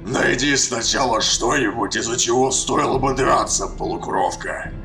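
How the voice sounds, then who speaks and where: A man voicing a brutish male orc warrior who growls his words slowly and menacingly. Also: medium pitch, bright, forceful tone, soft background music. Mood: sullen. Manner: slow, growled speech.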